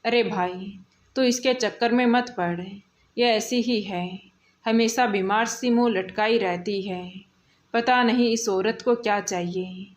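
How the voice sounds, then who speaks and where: A woman voicing a dismissive young husband who speaks scornfully of his wife, in a slow storybook telling. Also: a little high.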